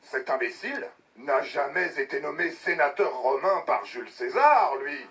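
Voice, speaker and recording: An actor playing a grumpy, loud village fishmonger in an audio drama, gruff and quick to shout. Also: male voice, on the high side, expressive, far from the mic, very noisy. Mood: angry.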